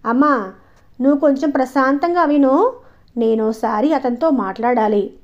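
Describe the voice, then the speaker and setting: Woman playing a calm young daughter in an audio story, reasons firmly, slightly high, dull audio. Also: normal speed, lightly acted. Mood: calm, reasoning. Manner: composed, reasoning, gently firm.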